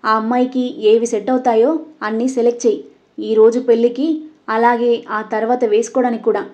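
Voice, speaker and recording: Woman reading an audio story, warm mellow voice a bit on the high side, dull lo-fi sound. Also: little pitch movement, brisk. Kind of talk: scripted audio story narration.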